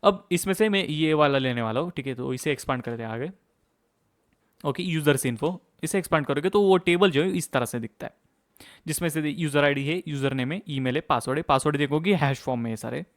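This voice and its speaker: A young man teaching a course over a screen share, talking fast in a casual way and checking in often with "okay". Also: a little high. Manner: fast-talking, mixes English terms into Hindi, frequent "okay, theek hai" check-ins. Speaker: course instructor.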